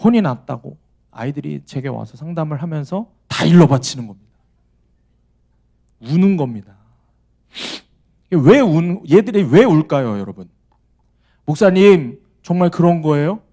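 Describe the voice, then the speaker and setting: Male pastor, high voice, very animated pitch, drops to near-whispers between forceful appeals, church sermon. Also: normal speed, creaky, pauses often. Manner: rhetorical questions to the congregation. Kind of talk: Friday evening revival sermon. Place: church service.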